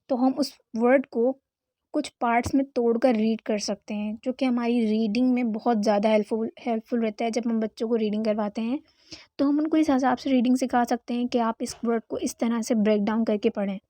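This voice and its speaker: Woman, young adult, English teacher, slow careful explaining, higher pitch, dry room. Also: mellow, no room sound. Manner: explains slowly, mixing Hindi-Urdu with English terms. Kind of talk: online grammar lesson.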